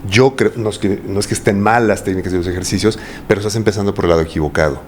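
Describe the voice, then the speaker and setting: Hombre mexicano que explica con calma. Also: male voice, on the low side, racing, a little hiss or hum. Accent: Mexican Spanish. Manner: reflective, explains at length with rhetorical questions. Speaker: voice coach guest. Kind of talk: casual podcast interview.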